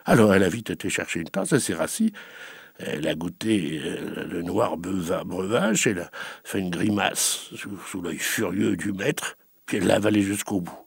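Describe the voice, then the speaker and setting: A man telling a tale aloud in a lively, spoken manner, his pitch swinging widely as he goes. His voice has a gravelly, husky grain, and it is recorded close and dry. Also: moderate pace, no room sound. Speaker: storyteller. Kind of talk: oral storytelling.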